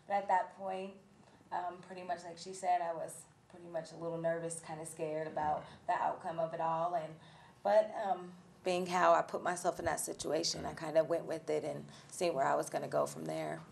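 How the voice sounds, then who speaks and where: A woman in her twenties from Denver, answering interview questions hesitantly with many pauses. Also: lowish voice, flat delivery, vocal fry, a little hiss or hum. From Denver, Colorado. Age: 20s. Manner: hesitant, many ums, soft-spoken. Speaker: guest.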